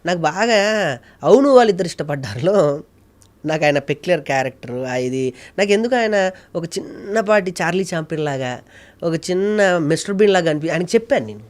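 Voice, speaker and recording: A male mimicry artist and actor speaks in a casual interview. His voice sits a little high for a man. He comes across as earnest and reflective, and his manner is polite. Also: lively intonation, fast.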